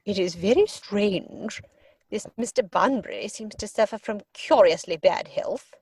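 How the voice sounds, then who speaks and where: A woman's voice: medium pitch, animated, a little slow, darkish tone, breathy edge, no echo. A woman playing an imperious older aristocratic English lady in a theatrical comedy reading, pompous and emphatic. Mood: disapproving.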